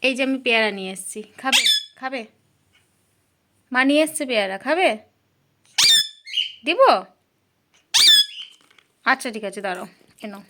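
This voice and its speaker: A woman at home at night coaxing and gently scolding her pet parrot. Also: sits high, animated, normal speed, pauses often. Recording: loud background noise.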